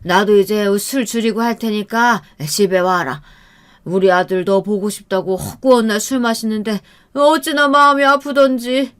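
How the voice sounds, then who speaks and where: Woman doing a bossy drunk old father-in-law, loud and high, audio-story voice. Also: moderate pace, close to an everyday voice. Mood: drunk coaxing. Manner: shouting, scolding.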